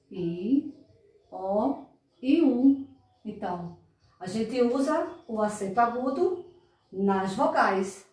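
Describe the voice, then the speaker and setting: A Brazilian woman teaching children in a recorded lesson, stretching out words and checking in often. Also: medium pitch. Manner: drawn-out, emphatic enunciation of words, frequent "tá?" checks. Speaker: primary school teacher. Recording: echoey room, mic far off.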